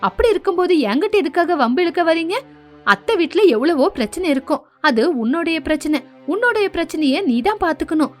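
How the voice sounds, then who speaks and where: A woman voicing a patient, put-upon young wife in an animated story, pleading and reasonable. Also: very high-pitched, a little fast, soft background music.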